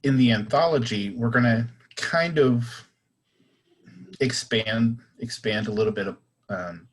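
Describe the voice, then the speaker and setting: A man's voice: medium pitch, unhurried, low-quality recording. A man with a Southern US accent talking in a casual panel discussion, hesitant and full of fillers and restarts.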